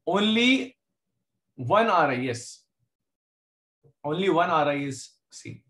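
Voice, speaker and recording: A man's voice: a little high, lively intonation, takes it slowly, fairly bright tone. Echoey South Indian man teaching class. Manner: conversational, joking with students. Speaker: maths teacher. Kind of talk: informal online class teaching. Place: indoor room, online video class. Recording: roomy, echoey online class audio.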